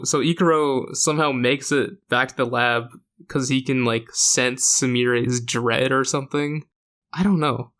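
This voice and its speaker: Man, podcast host, mid pitch, rambling recap, lots of uh and so. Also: fairly bright tone. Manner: rambling plot recap with many fillers. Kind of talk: casual chat.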